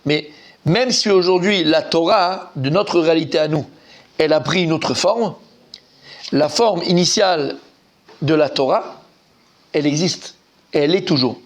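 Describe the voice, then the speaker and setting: A man giving an informal, animated Talmud class, quizzing his students and repeating key points. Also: fairly high pitch, a little slow, long pauses. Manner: lively, animated, asks students questions, repeats himself. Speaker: rabbi teaching Talmud.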